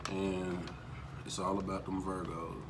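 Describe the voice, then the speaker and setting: A man speaks in a fairly low voice, relaxed and slangy, joking as he tells a story. A clear hiss of noise runs under the recording. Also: measured pace. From Memphis, USA. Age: 20s. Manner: laid-back, slangy, joking. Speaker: vlogger's husband. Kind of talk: casual storytelling. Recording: noticeable background hiss.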